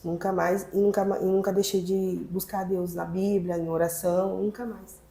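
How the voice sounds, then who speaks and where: A woman pastor telling her personal testimony in a podcast conversation, animated and acting out what people said. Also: medium pitch, normal speed, gravelly. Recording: roomy echo.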